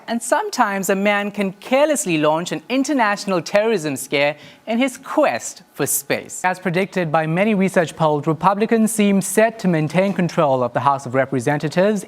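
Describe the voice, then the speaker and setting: A news presenter and reporter delivering news reports and putting questions. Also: medium pitch.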